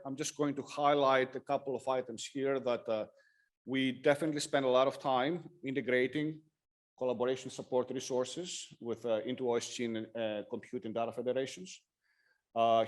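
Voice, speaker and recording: A man giving a technical lightning talk with slides, speaking haltingly with frequent hesitations and self-corrections. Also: mid-range voice. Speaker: conference presenter.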